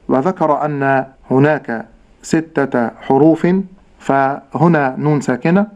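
Guy teaching tajweed, careful and measured, kinda muffled old broadcast audio. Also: medium pitch, darkish tone. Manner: measured, explanatory, drawn-out recited examples. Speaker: Quran recitation teacher. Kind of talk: tajweed lesson with slow demonstrations.

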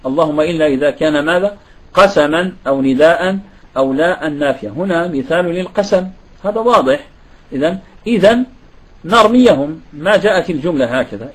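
Husky man teaching grammar. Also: fairly high pitch, low-quality recording. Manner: asks students rhetorical questions. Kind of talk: classroom grammar lesson.

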